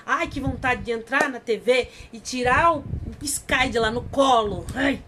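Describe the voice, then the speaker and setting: A fairly high-voiced woman, talking effusively as she hosts a casual review. She recounts scenes and slips into the characters' lines. Faint noise hums under her voice. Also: unhurried, bright, forceful tone. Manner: effusive, retells scenes acting out dialogue. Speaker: channel host reviewing series.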